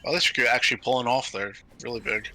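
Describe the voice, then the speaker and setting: A man casting a video game match, talking through the action in brisk, analytical play-by-play with frequent fillers. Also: medium pitch, steady tone, sharp tone, faint music behind. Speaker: esports caster. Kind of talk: play-by-play commentary.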